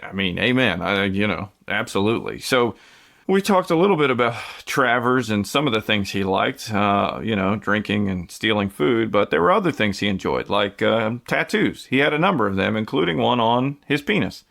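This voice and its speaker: A man's voice: fairly low pitch, animated, normal speed, gravelly, fairly bright tone. A man from the US hosting a podcast, telling a true-crime story in a casual, conversational way with many fillers and restarts. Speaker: podcast host.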